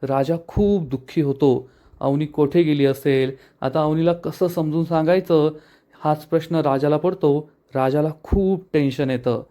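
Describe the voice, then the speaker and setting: A man narrating a recap of a television serial episode in steady, plain storytelling. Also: fairly high pitch.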